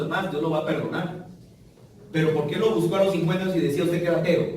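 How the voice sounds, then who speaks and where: A male preacher addresses his congregation in a conversational sermon, often pausing to check that they follow. His voice sits high for a man. It rings through a large, echoing church, picked up from some distance with a faint hiss beneath it. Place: church sanctuary. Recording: echoey hall from far off, faint noise.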